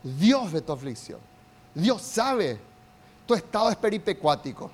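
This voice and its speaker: A man delivers a sermon in a very high voice. He calls on the congregation to repeat after him, and his delivery climbs to shouting. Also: big pitch swings, a little slow. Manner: call-and-response preaching, builds to shouts. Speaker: pastor.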